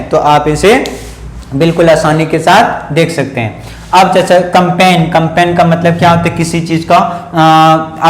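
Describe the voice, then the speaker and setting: A man with an Indian accent teaching at a slow, repetitive pace. His voice sits a little high, and he keeps quizzing the listener, then answering his own questions. The room around him is echoey. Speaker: English teacher. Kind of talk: Hindi classroom-style lesson on English pronunciation.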